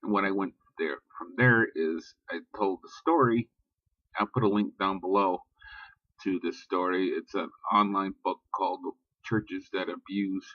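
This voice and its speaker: A man's voice: low voice, fairly even intonation, measured pace, no room sound, muffled recording. A man ranting bluntly and profanely in a casual vlog, talking about religion with heat. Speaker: vlogger. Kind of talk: casual spoken rant.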